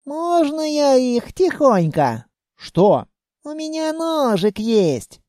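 A man voicing an eager, bloodthirsty little girl in an audiobook, with high childish chatter. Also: sing-song, unhurried, warm tone, no room sound, full character voice. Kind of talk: audiobook character voice.

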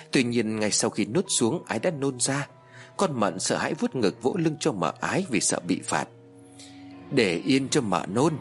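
A man narrating a horror story in a dramatic, expressive way. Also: medium pitch.

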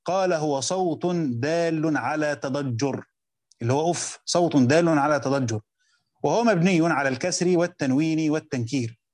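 Egyptian man teaching, slightly high voice. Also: darkish tone. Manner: reads quoted text slowly, then explains in quick colloquial asides, quizzing students. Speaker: teacher of Quran commentary. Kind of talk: classroom lesson reading and explaining a text.

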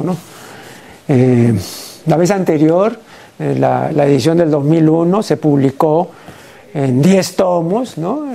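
Gravelly, dark-voiced man, host. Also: on the high side. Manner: measured, erudite, with frequent rhetorical "¿no?" tags. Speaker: TV program host. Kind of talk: unscripted on-air talk to viewers.

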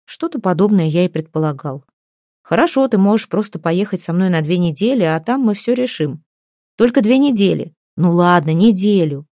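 A woman reading aloud, voicing a calm, decisive man in a steady tone. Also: lowish voice, normal speed, no echo, clean studio sound.

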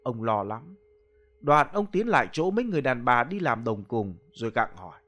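A man's voice: mid-range voice, very animated, normal speed, a bit bright. Man narrating a ghost story.

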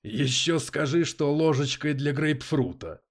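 A man voicing a brash male police detective who talks in crude slang, loud and sarcastic. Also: lowish voice, big pitch swings, normal speed, breathy edge. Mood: needling.

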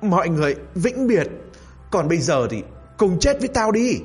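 A man's voice: sits high, big pitch swings, normal speed, faint music behind, pitched above the performer's own voice. Man doing a cocky young hero. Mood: defiant. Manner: defiant, cheeky. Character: brave young male hero, cocky and defiant.

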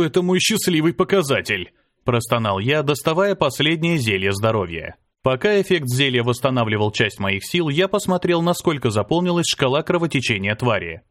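A man narrates a first-person fantasy audiobook in a mid-pitched voice. His reading is dramatic and climbs in pitch and force on the cries of battle. The sound is dry and close, with no room around it. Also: no room sound. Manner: dramatic, lifts pitch and volume for shouted lines.

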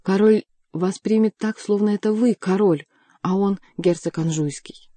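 A woman's voice: mid-range voice, unhurried, mellow, no room sound, lightly acted. A woman reading the part of a scheming aging queen mother who pleads in a honeyed, imploring tone. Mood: pleading.

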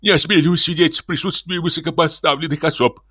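A man voicing a bearded middle-aged priest who fawns and pleads in a pleasant, rapid voice. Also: on the high side, fairly even intonation, bright, forceful tone, slightly rough, no echo, clean studio sound, pitched above the performer's own voice. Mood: fawning, pleading. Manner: fawning, pleading, rapid mumbling.

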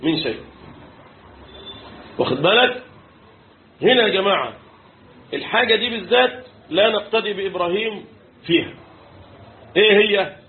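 A high-pitched Egyptian man gives a religious lesson, quizzing his audience and answering his own questions. He recites verses in a slow, drawn-out way. The recording is thin and phone-like, with faint hiss underneath. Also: animated. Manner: asks questions and answers them, quotes verses slowly. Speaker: Islamic teacher explaining Quran commentary.

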